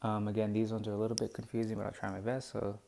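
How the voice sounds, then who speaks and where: This young man speaks in a lowish, gravelly, slightly mellow monotone, fast, with slight background noise. Presenting a poem's scansion in class, he is hesitant and self-doubting, with many fillers and restarts.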